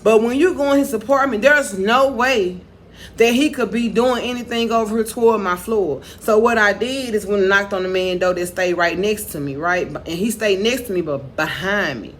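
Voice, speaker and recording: A woman vlogging in a loose, rambling monologue. She repeats herself, restarts her sentences and keeps saying "you know." Her voice sits at a middling pitch. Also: normal speed, slight background noise. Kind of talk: casual monologue to camera.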